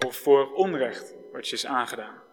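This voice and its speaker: A man preaching a sermon slowly and solemnly, with long pauses. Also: medium pitch, animated, faint music behind. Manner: slow, solemn preaching with long pauses, switching between formal and informal address. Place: church hall. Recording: reverberant church hall.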